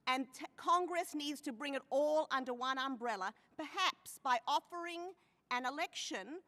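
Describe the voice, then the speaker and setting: A woman giving formal testimony at a hearing, stressing key phrases by slowing down. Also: sits high, lively intonation, pushed and bright. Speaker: hearing witness. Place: large hearing room. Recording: long reverb of a hearing room.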